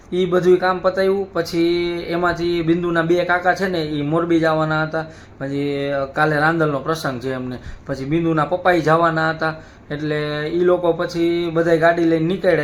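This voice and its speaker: A man's voice: a little high, normal speed. A man, hosting a family vlog and casually telling how the day went. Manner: relaxed storytelling, conversational. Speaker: family vlogger. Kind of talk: casual chat.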